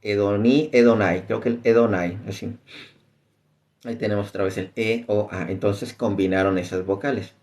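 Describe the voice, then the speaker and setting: A man teaching an informal class on the Bible, talking loosely and often pausing on "este". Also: fairly low pitch, steady tone, a little mellow. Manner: conversational, many fillers like "este".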